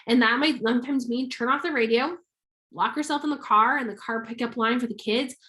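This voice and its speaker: A woman's voice: on the high side, brisk, sharp tone. A woman giving a casual motivational business talk to camera, emphatic, often checking in with "okay?" and acting out sample messages. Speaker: network marketing coach.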